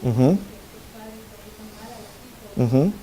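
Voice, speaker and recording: A man's voice: mid-range voice, lively intonation, extremely slow, warm tone. A middle-aged man, preaching a sermon and asking his congregation rhetorical questions. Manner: addresses the congregation as brothers and asks rhetorical questions. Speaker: pastor.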